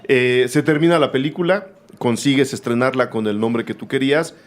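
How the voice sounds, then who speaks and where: A man hosts a film interview in a medium-pitched voice. He talks at length and drifts into side remarks before he gets to his questions. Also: moderate pace. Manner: chatty, rambling asides. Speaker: film show host, interviewer. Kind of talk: casual interview conversation.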